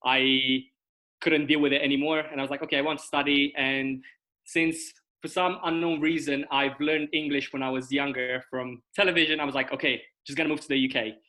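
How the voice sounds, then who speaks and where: Appearing as a guest on a casual video call, a young man from Romania gives long explanations peppered with tag questions like "right?" and "okay?". He talks a little fast in a mid-range, sharp voice with a level tone, and the recording quality is low.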